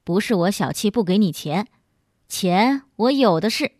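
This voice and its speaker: A woman voicing a crafty country man newly arrived in the city, in a lowered, plainspoken voice. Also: normal speed, dry recording, studio quality, natural voice. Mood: smug.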